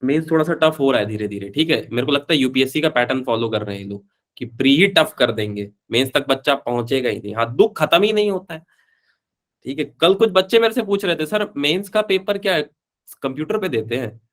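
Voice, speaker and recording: A man's voice: medium pitch, animated, quick pace. A man teaching a live online physics class, chatty, calling students beta and switching between Hindi and English.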